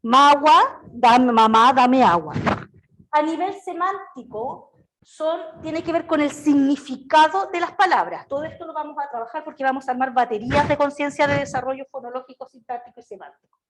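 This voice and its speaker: A woman's voice: high voice, fairly quick, a little hiss or hum. A middle-aged woman with a Chilean accent teaching an online class in a chatty way, often checking in with her students. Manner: lively, chatty, asks "¿ya?" and "¿cierto?" often. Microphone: video call.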